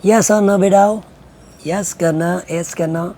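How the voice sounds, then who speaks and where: A man's voice: high-pitched, fairly even intonation, slow, mellow. A male teacher from Gujarat giving an online class lecture, explaining with frequent English words and repetition and teasing his students. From Gujarat, India.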